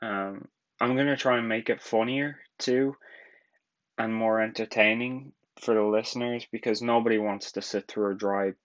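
Irish guy in his twenties, lowish voice, rambling casual podcast host, muffled lo-fi home recording. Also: fairly even intonation, normal speed. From Ireland. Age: 20s. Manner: rambling, casual, laughs often. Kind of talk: solo podcast monologue.

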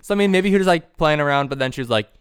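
A man's voice: fairly high pitch, expressive, very fast, clean tone, no echo, clean studio sound. A man hosting a casual podcast chat over a video call, upbeat and laughing often. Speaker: podcast host.

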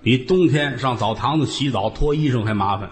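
A man performing crosstalk on stage, telling stories in a brisk, deadpan way. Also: mid-range voice. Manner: brisk, deadpan storytelling that slips into character voices. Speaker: lead comedian. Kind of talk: stand-up crosstalk storytelling. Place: live stage before an audience.

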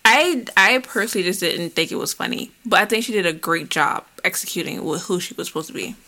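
A woman's voice: on the low side, animated, brisk, pushed and bright. A young woman co-hosting a casual podcast chat, giving brief, dry replies. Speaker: podcast co-host.

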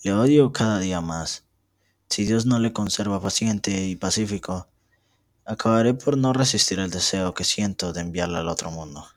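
A man's voice: on the low side, moderate pace, no room sound, studio quality, close to an everyday voice. A young man reading aloud as a bitter, vengeful man who speaks in resentful threats. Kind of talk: amateur reading of a novel.

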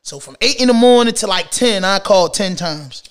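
A middle-aged man recounts his own past in a loose, slangy storytime. His voice sits high for a man and stays animated, with sudden loud bursts that drop back into low mutters. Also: normal speed, clean tone. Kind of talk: casual storytime.

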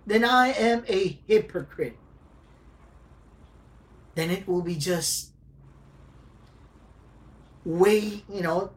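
A woman pastor delivering a sermon, speaking deliberately and repeating key phrases for emphasis. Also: medium pitch.

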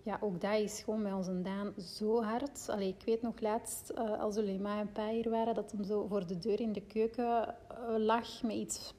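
A woman's voice: medium pitch, fairly even intonation, moderate pace, hardly any pauses, dark tone. A woman with a Flemish accent reading aloud from a parenting book and breaking off into loose personal asides full of fillers. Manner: reads steadily, then rambles with fillers in her own asides.

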